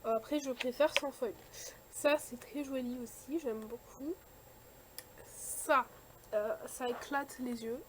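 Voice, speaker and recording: A young woman talks through a shopping haul in a loose, chatty way, stopping and restarting often and judging each item on the spot. Her voice sits a little high. A faint hiss of noise runs under the recording. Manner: chatty, many fillers and restarts, quick likes and dislikes. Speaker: vlogger showing a shopping haul. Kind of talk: casual chat.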